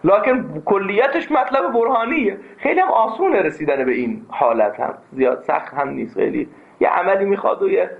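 Brief: male lecturer, emphatic and animated, somewhat high voice, tinny phone-quality recording. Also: gravelly. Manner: emphatic, animated, tells anecdotes. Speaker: teacher of philosophy. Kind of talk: classroom lecture.

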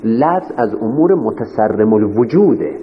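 This seminary teacher speaks on the low side with lively intonation, going over every point twice and posing rhetorical questions to the class. It's a classroom lecture captured in a reverberant hall, the audio muffled and lo-fi under a faint hiss.

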